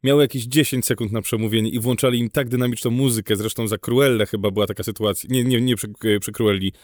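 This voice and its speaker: A man's voice: medium pitch, steady tone, fast talker, darkish tone, no echo, clean studio sound. A man co-hosting a podcast, chatting casually about film in a dismissive, mocking way. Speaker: podcast co-host.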